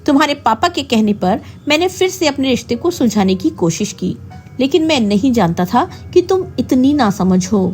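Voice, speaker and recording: A woman's voice: sits high, sing-song, normal speed, a little mellow, faint music behind. A woman voicing an earnest young husband who talks in a pleading way, in a storybook tale. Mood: upset.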